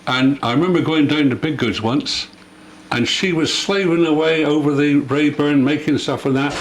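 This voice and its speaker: A man's voice: on the high side, moderate pace. An older man from rural Devon chats and reminisces in old West Country dialect with a Devon accent. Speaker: local villager being interviewed. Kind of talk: casual reminiscing chat. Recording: echoey room, faint background noise.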